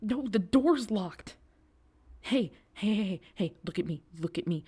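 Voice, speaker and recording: In an audio roleplay, a woman plays an excitable young girlfriend on a date, reassuring the listener and chatting casually with hesitant asides and eager repetition. Her voice is mid-range with a breathy edge, and she takes her time. The mood feels urgent yet steadying.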